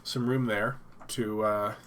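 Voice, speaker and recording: A man's voice: lowish voice, flat delivery, slow pace, a bit bright, slight background noise. Stuffed-up man rambling on a home stream. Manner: rambling, thinking aloud with fillers and restarts. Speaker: live stream host. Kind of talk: casual live-stream chat. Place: home office.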